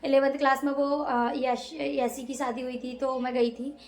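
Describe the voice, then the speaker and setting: A woman's voice: high-pitched, level tone, moderate pace, darkish tone. A young woman, chatting casually to her viewers in a vlog. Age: young adult. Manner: talks to viewers directly, chatty and emotional. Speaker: vlogger. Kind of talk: casual chat to camera.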